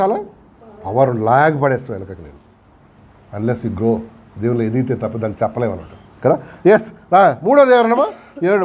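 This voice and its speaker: His voice sits a little high and has a slightly mellow quality as this Telugu-accented pastor delivers a sermon in a church hall. He questions the congregation and dramatizes quotations as he goes.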